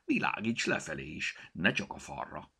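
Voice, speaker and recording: A man's voice: sits low, huge pitch swings, vocal fry, bright, forceful tone, husky, in a whisper, heavily acted. A man doing a timid, worried talking cat. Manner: worried, nagging warnings.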